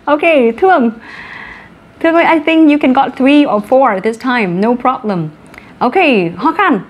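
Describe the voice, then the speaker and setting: Upbeat Vietnamese woman teaching English. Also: high-pitched. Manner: brisk, encouraging, switches between Vietnamese and English. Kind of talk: online English vocabulary class.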